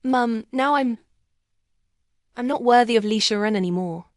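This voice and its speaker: A woman's voice: fairly high pitch, moderate pace, no echo, studio quality, natural voice. A woman voicing a cold, gloomy young husband in an audio story.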